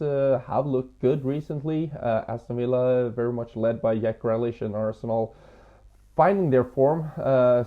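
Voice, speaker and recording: A man giving football betting tips as an expert tipster, with a hesitant, halting delivery. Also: medium pitch. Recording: slightly dull lo-fi audio.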